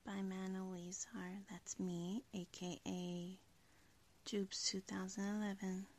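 A woman hosting her own podcast, talking casually in a soft, unhurried way with breathy trailing words and a few ums and uhs. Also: medium pitch, level tone. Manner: uses fillers like um and uh. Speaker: podcast host. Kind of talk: casual spoken outro.

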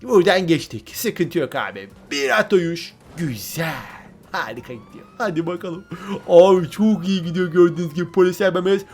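A man giving excited gameplay commentary, often repeating words in bursts and talking straight to his viewers. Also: sits high, moderate pace, few pauses, slight background noise. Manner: excitable, repeats words when thrilled, addresses viewers as friends.

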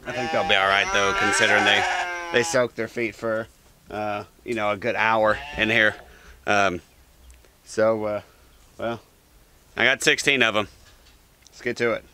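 Man, 30s, folksy farm vlogger; outdoor camera sound, bleating sheep and clear background noise. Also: fairly low pitch, fairly even intonation, a little slow, long pauses, sharp tone. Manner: folksy, loose, with many fillers. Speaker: farmer vlogger. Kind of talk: casual how-to talk. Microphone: handheld or body camera.

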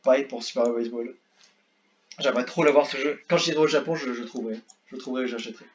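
A man's voice: mid-range voice, fast, slight background noise. Young guy rambling through a game tier list, repeats stuff a lot, muffled lo-fi mic. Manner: rambling, repeats words, excitable bursts. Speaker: gaming youtuber. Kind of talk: casual tier-list commentary.

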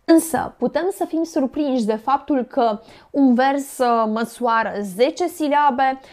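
A woman's voice: high voice, a little mellow. Woman teaching a poetry lesson. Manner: measured explanatory, frequent "uh" fillers. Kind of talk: Romanian literature lesson.

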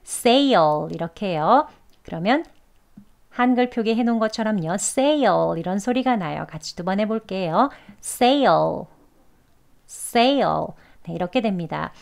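A woman with a Korean accent teaching English pronunciation, slowly and carefully demonstrating each sound. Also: mid-range voice, animated, vocal fry, darkish tone. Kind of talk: pronunciation lesson.

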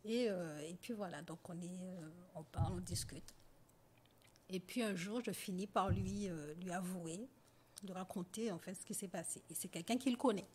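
A woman guest on a podcast giving a personal account, talking softly and haltingly with many pauses and fillers. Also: on the low side, a little hiss or hum. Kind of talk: personal testimony in conversation.

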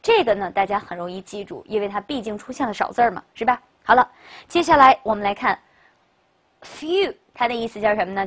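A woman giving a classroom grammar lecture as a teacher, lively and full of questions to the class. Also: mid-range voice. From China. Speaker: English teacher.

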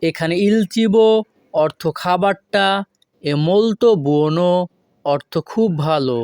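A man giving a scripted language lesson, saying example phrases slowly and repeating them piece by piece. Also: high-pitched, darkish tone, clean tone, no echo, clean studio sound. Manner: slow, syllable-by-syllable repetition of example phrases. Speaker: language teacher.

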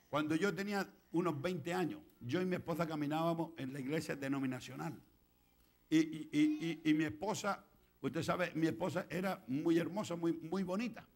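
Chilean preacher, man, middle-aged; high voice, dramatic swings from hush to shouting in a church sermon. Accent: Chilean Spanish. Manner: swings from quiet asides to shouted preaching, acts out quoted prayers. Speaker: pastor.

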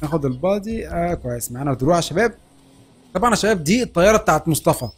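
A man with an Egyptian Arabic accent giving excited gameplay commentary, laughing and shouting often. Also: fairly high pitch, racing, slight background noise. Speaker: gaming channel host.

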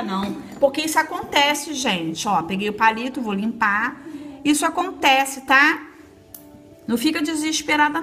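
A high-pitched, pushed, bright voice belongs to a Brazilian nail technician instructor doing a casual tutorial at a salon table. Filmed on her phone camera, she chats away and reassures viewers, calling them girls and friends.

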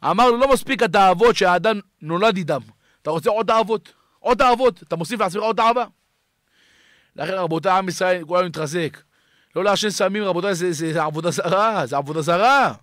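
A rabbi preaching a fiery sermon, shouting and pleading, swinging between loud cries and hushed tones. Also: male voice, high voice, no room sound, studio quality. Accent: Israeli Hebrew. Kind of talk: impassioned sermon.

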